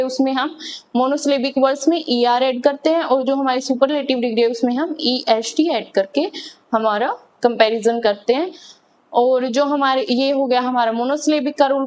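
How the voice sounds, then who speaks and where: Woman teaching, fairly high voice. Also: darkish tone. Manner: explains step by step, asks questions and answers them herself, slow spelled-out examples. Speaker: English grammar teacher. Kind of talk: classroom grammar lesson.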